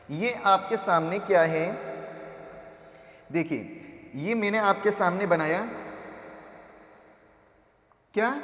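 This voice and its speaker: Male Quran reading teacher, high voice, patient syllable drills, roomy echo. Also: a bit bright. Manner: drills letter sounds, repeats each syllable, asks and answers his own questions. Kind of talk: slow classroom recitation lesson. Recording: echoey roomy reverb.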